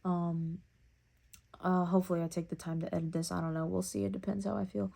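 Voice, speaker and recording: A woman's voice: on the low side, flat delivery, fairly quick, creaky, mellow. A young woman, about to turn twenty-one, talking into her phone in a casual, rambling vlog, reflective and full of fillers. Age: young adult. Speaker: vlogger.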